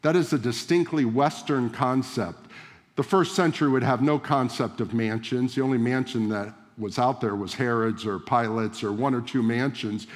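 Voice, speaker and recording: A man's voice: medium pitch, normal speed. Man preaching in a reverberant hall. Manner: conversational preaching with rhetorical questions and direct address. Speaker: pastor. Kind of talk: sermon. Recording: long reverb of a large hall.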